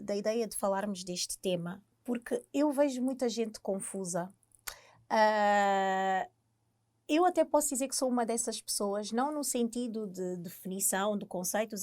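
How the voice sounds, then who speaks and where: A young woman with an Angolan Portuguese accent, co-hosting a casual chat and thinking aloud with many pauses and fillers. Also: medium pitch, darkish tone. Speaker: podcast co-host.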